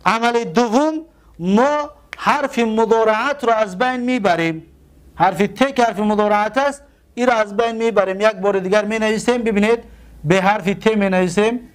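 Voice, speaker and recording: Tajik-accented male teacher, fairly high voice, walks through each step, quizzes himself aloud. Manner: explains step by step, asks and answers his own questions. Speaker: Arabic grammar teacher. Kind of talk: classroom lesson at a board.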